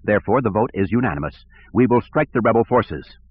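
A man's voice: fairly low pitch, animated, fairly quick, slightly rough. A man voicing a petty, pompous male station director who talks in fussy, bureaucratic tones. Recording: tinny phone-like audio.

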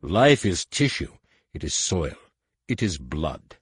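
A man's voice: low voice, big pitch swings, slightly rough, no echo, studio quality, full character voice. A man doing a hissing, sneering alien warlord. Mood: cold. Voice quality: hissing, slow and menacing. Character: cold, sneering alien warlord in disguise, cruel and contemptuous.

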